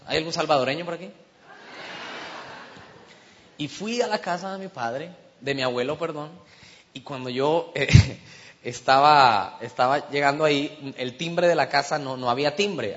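A man's voice: medium pitch, a bit bright. A man from Colombia, preaching a sermon as humorous storytelling and asking the congregation questions. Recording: dull sound with long hall reverb.

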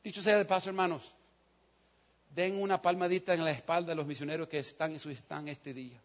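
A man preaching a sermon, telling a story with passion, dropping to a hush and rising to shouts. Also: on the high side, fairly even intonation, fairly quick, lo-fi sound. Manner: impassioned storytelling, swings from hushed to shouting. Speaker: pastor.

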